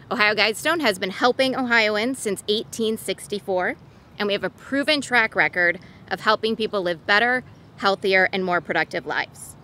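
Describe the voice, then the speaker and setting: Woman regional director, bright tone, scripted speech outdoors. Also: medium pitch, a little hiss or hum. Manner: scripted, formal. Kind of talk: ceremony speech.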